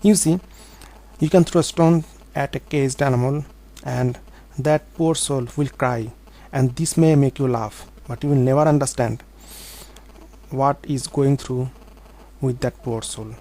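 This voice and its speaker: A man telling his own life story as a vlog monologue, in an earnest, halting way with small grammar slips. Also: mid-range voice, vocal fry, dark tone, low-quality recording.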